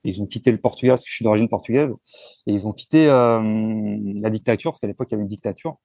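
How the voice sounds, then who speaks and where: Male interview guest, 40s; mellow, frank, hesitant, dry close recording. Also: lowish voice, fast, no room sound. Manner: relaxed, frank, with frequent hesitations and restarts. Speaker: entrepreneur guest. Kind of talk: casual conversational interview.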